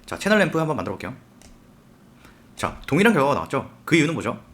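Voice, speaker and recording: Male instructor, screen-recorded tutorial, step-by-step explanations, questions to the viewer, animated intonation. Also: on the high side, fast. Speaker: software instructor.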